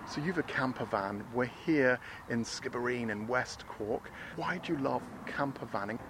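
A man's voice: medium pitch, moderate pace. An Irish-accented man doing casual interviews on location as a roving radio reporter. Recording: faint outdoor background noise.

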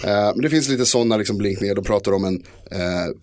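A man's voice: lowish voice, a little mellow, no echo. A man in casual podcast chat, talking hesitantly with many fillers and restarts. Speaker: podcast co-host.

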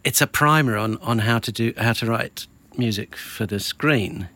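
A man's voice: mid-range voice, normal speed, sharp tone. A man hosting a casual interview, often restarting and repeating words as he thinks. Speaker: host.

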